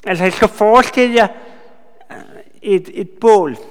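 A man giving a sermon, retelling a Bible story with lively asides to his listeners. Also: high-pitched, smooth. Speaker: preacher. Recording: long hall reverb.

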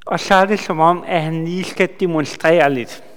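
A man giving a sermon, retelling a Bible story with lively asides to his listeners. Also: fairly high pitch, smooth. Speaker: preacher. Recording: long hall reverb.

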